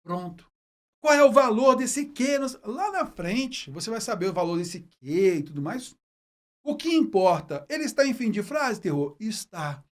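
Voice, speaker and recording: A man's voice: sits high, big pitch swings, measured pace. A man teaching a grammar lesson in a folksy, chatty way, often checking in with the viewer. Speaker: Portuguese teacher. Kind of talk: casual video lesson.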